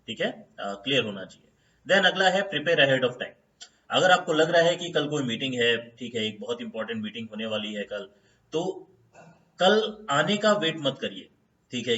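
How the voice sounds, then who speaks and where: A man in the role of an HR consultant talks viewers through workplace tips in a relaxed, chatty way, peppering his speech with "theek hai" and "uh." His voice is bright and forceful at a middle pitch, and he slows down to stress each step's English heading. The audio sounds somewhat dull and lo-fi. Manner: conversational, fills pauses with "theek hai" and "uh"; stresses English terms slowly when starting each step. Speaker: HR consultant, channel host. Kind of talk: informal lesson to camera.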